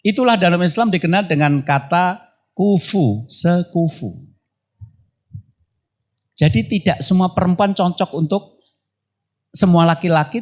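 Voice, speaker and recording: A middle-aged man giving a religious lecture as a preacher, talking in a lively way with wide swings in pitch. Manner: lively, swings pitch widely, mixes in Javanese phrases. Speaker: Islamic preacher.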